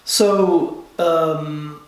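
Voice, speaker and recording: A man born in Kenya and raised in England, answering interview questions in a measured way with frequent pauses. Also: on the high side, fairly even intonation, far from the mic, background noise. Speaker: guest, life and business coach. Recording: very echoey room, away from the mic.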